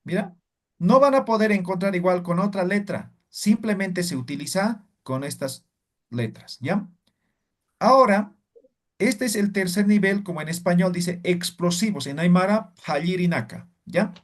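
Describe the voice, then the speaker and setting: Lively high-pitched man teaching a class. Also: measured pace. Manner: explanatory, checks in with frequent "¿ya?" and "¿no?"; demonstrates sounds aloud. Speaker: language teacher. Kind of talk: online language lesson.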